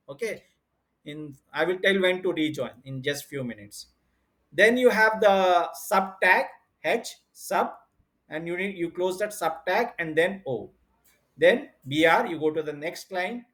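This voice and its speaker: High-voiced teacher walking through a lesson. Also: male voice, fairly bright tone. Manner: explains step by step, repeats himself, many fillers. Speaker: computer teacher. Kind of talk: online class lecture.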